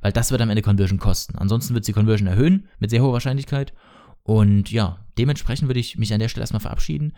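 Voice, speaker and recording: A man's voice: on the low side, quick pace, mellow. A man hosting a casual solo podcast lesson, chatty and often correcting himself as he explains things. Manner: chatty, self-correcting, peppered with English marketing terms. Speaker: podcast host teaching sales copywriting.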